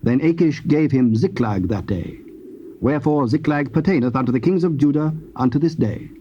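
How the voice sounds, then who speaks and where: A man narrating scripture from a script in a solemn, measured, formal manner. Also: mid-range voice, animated, dark tone. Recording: dull, faintly noisy old cassette.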